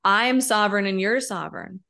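A woman in her thirties co-hosting a podcast, talking in an emphatic, expressive, candid way and often tossing in a rhetorical "right?". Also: mid-range voice, normal speed, creaky. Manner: candid, occasionally swearing. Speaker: podcast co-host. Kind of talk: casual podcast conversation.

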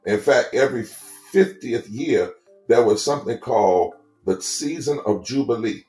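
A man's voice: mid-range voice, unhurried, warm tone, roomy sound, faint music behind. A man speaking as a preacher and theologian, emphatic and preacherly, repeating phrases for effect. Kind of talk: sermon-like talk.

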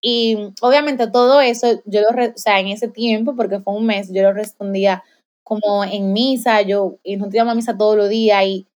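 A woman's voice: mid-range voice, steady tone, brisk, darkish tone. A young woman giving a heartfelt personal faith testimony in conversation, with many fillers and restarts. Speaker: guest sharing a faith testimony.

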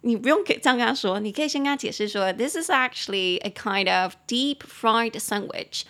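A young Taiwanese woman hosting a casual English lesson podcast, chatty and laughing often, slowing down to repeat and spell English words. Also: fairly high pitch, animated, pushed and bright. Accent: Taiwanese Mandarin. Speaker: English teacher and podcast host.

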